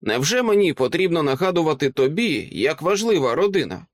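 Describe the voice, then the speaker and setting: A man's voice: fairly high pitch, big pitch swings, fairly quick, no echo, studio quality, pitched above the performer's own voice. A man doing a mocking killer brother. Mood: insistent. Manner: taunting, sarcastic.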